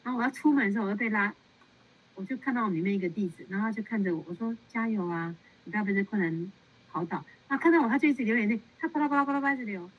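A woman's voice: fairly high pitch, racing, slightly rough. Chatty woman nun, muffled lo-fi sound. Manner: animated, laughs often, repeats words for emphasis. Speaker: Buddhist nun giving counsel. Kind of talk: casual counseling talk.

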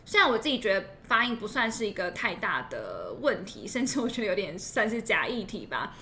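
Female co-host, young, Taiwanese accent, bright forceful voice, conversational and explanatory, slight background noise. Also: medium pitch, very animated, fairly quick. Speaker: podcast co-host. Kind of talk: conversational educational discussion.

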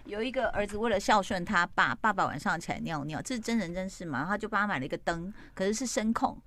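A woman hosting a casual radio chat show, telling stories with animated, acted-out quotes. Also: mid-range voice, fast talker. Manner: animated storytelling, acts out quoted voices. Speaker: radio host. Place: radio studio.

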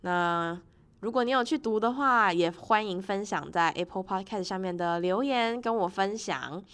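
A woman's voice: mid-range voice, normal speed, a bit bright, smooth. A woman podcast host talking casually and expressively in a personal monologue, sharing her own reactions. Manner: laughs often while talking.

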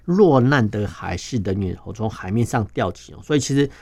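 A man with a Taiwanese Mandarin accent speaks as an interview guest, laying out his points step by step. His voice sits fairly low and he keeps tacking soft particles onto his phrases. The recording is close and dry, with no room sound. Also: brisk, gravelly, no room sound. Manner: sprinkles sentences with filler particles; steady, explaining step by step. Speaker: guest defense journalist. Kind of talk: explanatory interview talk.

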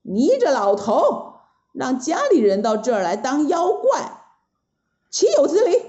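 A woman voicing a bold, mischievous, quick-tempered monkey king in a children's story, talking brashly and exclaiming. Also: high voice, very animated, darkish tone, echoey room, dull audio, pitched above the performer's own voice. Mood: angry.

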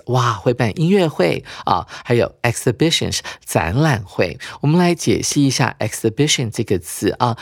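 A man leads an English lesson in a patient, steady teaching voice, pausing to spell words out letter by letter. His pitch sits right in the middle range for a man. The recording is close and completely dry, with no room sound. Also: no echo. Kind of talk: radio-style English lesson.

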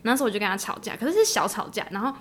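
A woman's voice: mid-range voice, racing, slight background noise. A young woman co-hosting a podcast, chatting casually, laughing often and acting out what people said. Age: young adult. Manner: animated, laughs often, acts out quotes. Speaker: podcast co-host. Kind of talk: casual chat.

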